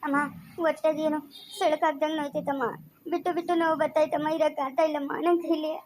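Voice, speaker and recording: A woman's voice: high-pitched, little pitch movement, quick pace, darkish tone, lightly acted. Woman playing a sobbing young mother in labor. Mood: pleading. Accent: rural Chikkaballapur Kannada. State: in pain, crying.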